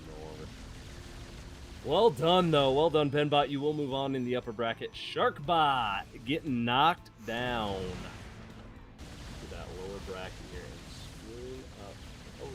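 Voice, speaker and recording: A man hosting live esports commentary, excitable and laughing often, sometimes bursting into shouts, with the hiccups. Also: mid-range voice, a little slow, noisy background. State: has the hiccups. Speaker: esports caster.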